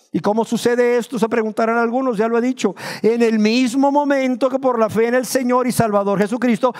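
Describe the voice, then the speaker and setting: A man born in Nicaragua preaching a sermon, asking his listeners questions and slowing down to stress the words of scripture. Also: very high-pitched, darkish tone. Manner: asks the congregation rhetorical questions. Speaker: pastor.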